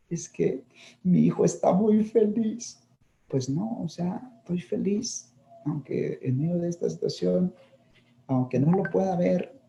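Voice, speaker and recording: Middle-aged male priest, very warm dark timbre; reflective conversational homily. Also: mid-range voice, gravelly. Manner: reflective, often checks in with listeners with tag questions. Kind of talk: conversational talk on grief.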